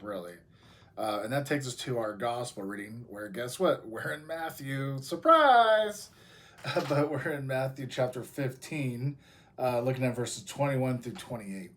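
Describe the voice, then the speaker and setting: Chatty American pastor, many fillers. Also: male voice, mid-range voice. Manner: casual, many fillers and restarts. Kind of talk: devotional talk.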